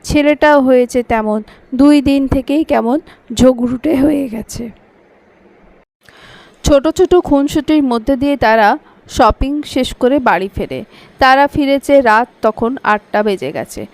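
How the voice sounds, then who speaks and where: A woman narrating a Bengali audio story in a steady, expressive reading voice. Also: high voice, measured pace, dry recording.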